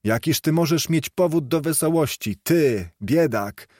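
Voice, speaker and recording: A man voicing a miserly, grumpy old moneylender who mutters curt, gruff replies in a dry-sounding recording. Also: a little high, lively intonation, a little slow, a little mellow, dry recording, voice pushed up. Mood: grumbling scornful.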